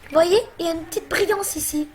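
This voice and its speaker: A woman's voice: extremely high pitch, quick pace. A woman hosting a let's play, chatting casually and bossily teasing her co-player as she plays. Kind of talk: casual gameplay commentary.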